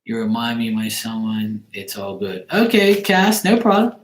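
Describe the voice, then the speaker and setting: A man from Bermuda with a fairly low voice and big pitch swings chats at a moderate pace during his tarot livestream. He's informal, joking, and blunt with viewers, in an echoey indoor living room with faint noise and clicks.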